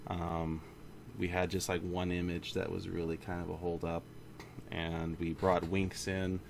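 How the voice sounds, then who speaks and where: Low-pitched, gravelly, and monotone, a man talks a little slowly against background noise. He's an indie game studio founder delivering an informal, rambling monthly update, frequently stopping to correct himself mid-sentence.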